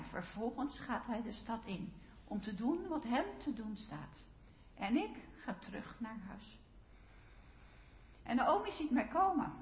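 A woman preacher voicing Ruth, a young widow, telling her own story in first person during a first-person sermon monologue. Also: a little high. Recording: roomy, slightly dull sound.

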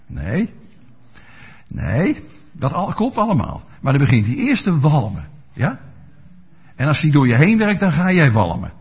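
A man's voice: fairly high pitch, wildly swooping pitch, measured pace, long pauses, breathy edge. A male preacher giving a sermon, asking his listeners rhetorical questions and explaining scripture with everyday examples. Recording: dull lo-fi recording.

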